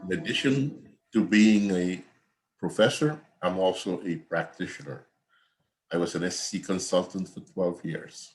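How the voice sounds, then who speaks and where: Over soft background music and poor audio, an older Guyanese man delivers a digressive, repetitive accounting lecture by video call from his home. He speaks in a low, darkish voice, a little slowly and conversationally.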